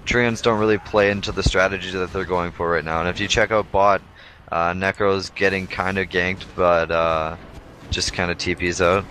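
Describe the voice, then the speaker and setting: A man co-commentating a video game match in a laid-back, halting way. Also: low voice, steady tone, sharp tone, slight background noise, low-quality recording. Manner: laid-back, hesitant with many fillers. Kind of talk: casual esports commentary.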